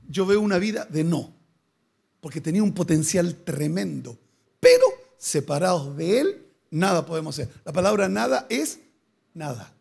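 A pastor delivers a sermon in a notably high voice. He poses question after question to his congregation. He drives his points home with bursts of repeated words. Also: vocal fry, a little mellow, husky. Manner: preaching with rising emphatic bursts and repeated words.

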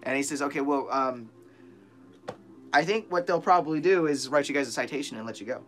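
A young man vlogging from a small bare room, animated and profane as he retells a tense story to a close camera. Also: mid-range voice, brisk, soft background music.

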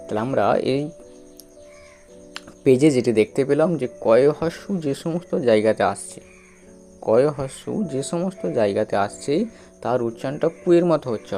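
A man teaching a spelling lesson, sounding out syllables slowly and repeating them, with regular checks that the learner follows. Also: medium pitch, warm tone. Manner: slow, repetitive, drawn-out syllables with frequent checks.

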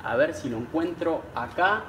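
A man's voice: fairly high pitch, animated, moderate pace, roomy sound, background noise. A man with a Rioplatense Spanish accent hosts a live cooking stream, chatting as he cooks and greeting viewers by name. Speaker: cooking channel host. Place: small home kitchen.

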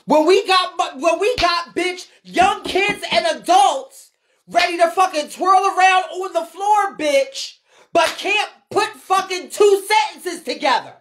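Her voice is extremely high, a bit bright, and she takes her time. She's a ballroom scene commentator hosting a livestream, delivering an unscripted rant full of swearing and heavy slang. She's blunt and emphatic, repeating phrases to drive her points home.

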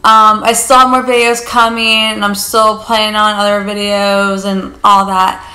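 A woman's voice: mid-range voice, level tone, measured pace, pushed and bright, roomy sound, soft background music. A young woman talking to camera in a casual vlog, rambling chattily and filling her talk with "like" and "you guys". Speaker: vlogger. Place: living room on a leather couch.

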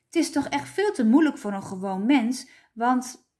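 A woman's voice: fairly high pitch, animated, normal speed, dark tone, lightly acted. A woman reading aloud, voicing a modest young boy who speaks hesitantly and sincerely. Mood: earnest.

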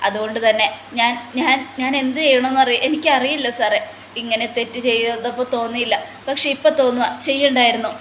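A woman's voice: on the high side, fairly even intonation, a little fast, a bit bright, a little hiss or hum, close to an everyday voice. A woman voicing a frightened male shop worker and father of two who stammers and pleads anxiously. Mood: fearful pleading.

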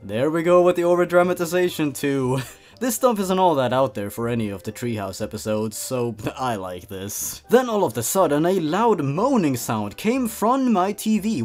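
With faint music in the background, a creepypasta channel host reads a comedic story at normal speed, his slightly high voice animated and a little mellow. He sounds theatrical and amused, chuckling between lines.

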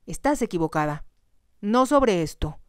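A woman voicing a cold, commanding aristocratic husband in a whispered role-play, speaking quietly and curtly. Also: mid-range voice, lively intonation, measured pace, clear, resonant tone, no echo, studio quality, lightly acted.

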